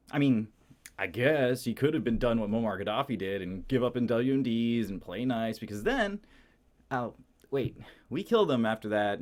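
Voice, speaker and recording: A man's voice: medium pitch, a little mellow. A man hosting a political commentary show, delivering a scripted monologue with sarcastic, mocking asides.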